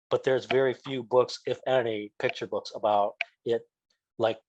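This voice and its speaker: A man, a children's book author, talks in a reflective, rambling way, leaning on "like" and "you know." His voice sits at an ordinary middle pitch. The recording is close and dry. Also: no room sound, highs cut off. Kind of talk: interview talk.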